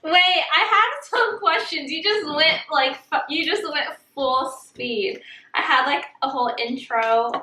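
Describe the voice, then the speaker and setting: A woman's voice: high voice, a little slow, bright, forceful tone. A young woman casually interviewing her grandfather, chatty and full of fillers. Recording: echoey room with background noise.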